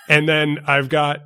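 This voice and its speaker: A young New Yorker co-hosts a casual podcast chat, picking his words with measured precision amid many fillers and restarts. His voice is high-ish, bright and smooth, with a forceful tone.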